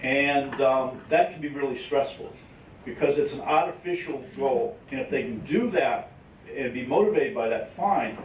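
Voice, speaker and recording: Answering questions in an echoey indoor conference room, a man talks casually but falteringly, doubling up words as he illustrates points with examples and quotes he acts out. A far-off mic gives a roomy sound with faint rumbling noise underneath.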